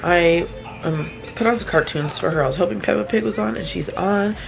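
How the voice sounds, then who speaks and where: A young single mom talks casually through her weekend routine in a low, relaxed voice, sounding a little tired. She rambles, trails off and laughs at herself, with music playing clearly under her voice. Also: fairly quick. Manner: chatty, rambling, self-deprecating with soft laughs. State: tired, yawning. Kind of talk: casual vlog narration.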